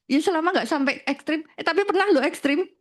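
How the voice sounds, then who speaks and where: A woman guest who works as a financial planner, telling animated anecdotes in casual conversation and laughing often. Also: sits high, quick pace. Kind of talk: conversational storytelling.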